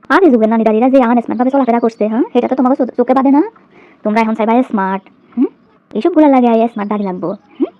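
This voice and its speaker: Woman playing a fast, high-voiced bickering Bangladeshi wife. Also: no echo, lightly acted. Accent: Bangladeshi colloquial. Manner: bickering, complaining, sarcastic rhetorical questions. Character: aggrieved, nagging young Bengali wife bickering with husband. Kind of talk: domestic comedy skit monologue. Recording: dull, lo-fi dry recording.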